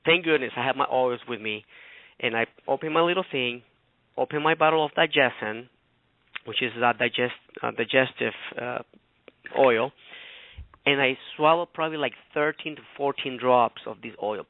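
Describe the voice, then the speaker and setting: A man's voice: medium pitch, moderate pace, dry recording. Guy from ecuador, rambling story on a radio show, thin phone sound. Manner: chatty, rambling, animated retelling. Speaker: guest co-host. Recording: tinny phone line.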